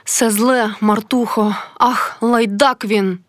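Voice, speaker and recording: A woman reading the lines of a carefree young female friend in a storybook, with quick outcries. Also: a little high, fairly even intonation, dry recording, clean studio sound. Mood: indignant.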